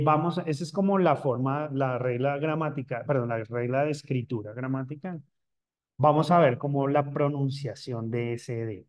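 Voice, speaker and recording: A man's voice: mid-range voice, a little mellow. Man teaching English grammar in two languages. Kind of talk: bilingual grammar lesson.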